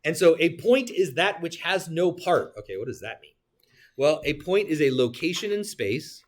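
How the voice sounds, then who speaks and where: Lively male geometry teacher lecturing. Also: fairly high pitch, normal speed. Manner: animated, joking asides, talks to students. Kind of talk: classroom lecture.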